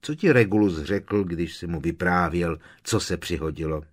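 A man voicing an earnest young wizard who keeps pressing with questions. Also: low-pitched. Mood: probing.

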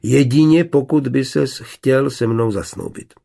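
A man voicing a proud young village woman, quiet and reproachful, in a storybook reading. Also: medium pitch, gravelly, natural voice.

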